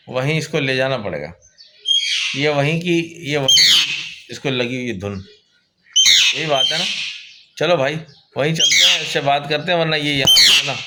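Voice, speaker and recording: A man chatting casually in a pet vlog, greeting viewers and cooing to his pet birds. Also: a little high. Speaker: vlogger. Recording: loud background noise with bird squawks.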